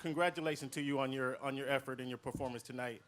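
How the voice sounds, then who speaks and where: A man asking a question as a press conference reporter, halting and repeating himself, quiet and off-mic. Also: mid-range voice, steady tone.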